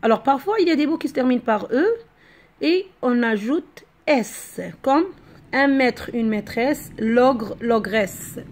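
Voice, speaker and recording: A woman's voice: fairly high pitch, measured pace. A woman teacher giving a patient grammar lesson to a class, walking through many examples.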